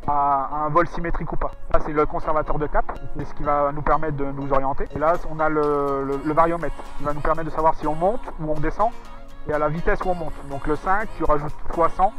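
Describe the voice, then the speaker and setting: A man with a fairly high voice speaks through a pilot headset from a small plane cockpit. He gives casual flight commentary in the manner of a vlogging pilot, with music behind him. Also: steady tone, fairly quick, a bit bright. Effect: pilot headset intercom sound. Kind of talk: casual flight vlog commentary and radio calls. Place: small light aircraft cockpit. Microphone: aviation headset.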